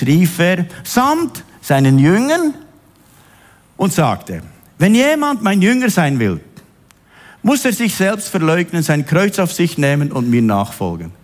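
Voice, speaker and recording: A man preaching a sermon, telling stories and stretching words for emphasis. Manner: animated, swings high on emphasis, drawn-out stresses. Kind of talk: sermon with storytelling.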